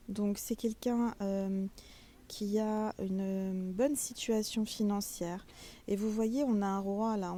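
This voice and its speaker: In front of a castle outdoors, a woman with a medium-pitched, dark voice offers a chatty, casual tarot reading. Speaking straight to her viewers, the tarot reader calls them little stars.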